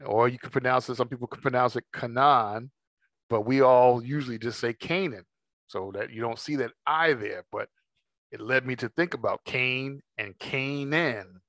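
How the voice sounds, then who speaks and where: A man teaching a Bible study, reading verses slowly and then explaining them in a measured way. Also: mid-range voice, dry recording. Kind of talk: scripture study talk, reading aloud.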